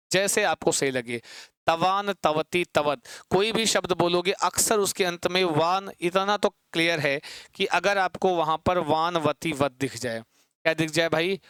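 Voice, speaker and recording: Male tutor, exam-prep lesson, higher pitch, crisp close sound, repetitive quizzing and sing-song chanting. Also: a bit bright, no room sound. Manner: repeats points and quizzes students with rhetorical questions; chants word forms slowly and rhythmically. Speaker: teacher.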